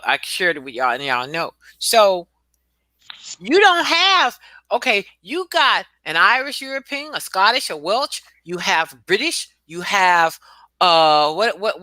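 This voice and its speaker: Brief: forceful woman host, lower voice, bright and dry, hammers her points home. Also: expressive, measured pace, dry recording. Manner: emphatic, blunt, with swearing and repetition. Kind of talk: casual discussion.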